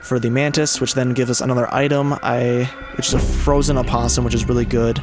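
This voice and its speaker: A man's voice: medium pitch, level tone, brisk, music in the background. A man giving casual commentary on a game playthrough, musing aloud as he goes. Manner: muses aloud, mildly swears. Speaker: gaming video player and commentator.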